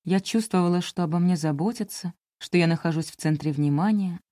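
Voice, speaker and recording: Low, dark-voiced woman narrating a memoir. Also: a little fast, dry recording, clean studio sound. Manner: confessional, intimate storytelling. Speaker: audiobook narrator. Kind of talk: first-person audiobook narration.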